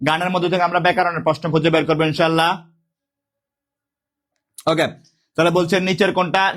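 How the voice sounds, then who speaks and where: Soft-spoken male teacher with a sore throat. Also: on the high side. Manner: repetitive, calls out student names and drills questions. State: sore throat, speaking softly. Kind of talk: live online exam-prep class.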